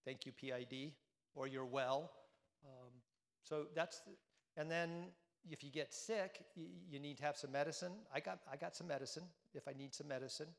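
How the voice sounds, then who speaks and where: Gravelly-voiced man preaching in a church. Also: a little high, moderate pace, in a large hall. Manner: conversational, repeats phrases, asks the congregation questions. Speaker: priest. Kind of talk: sermon.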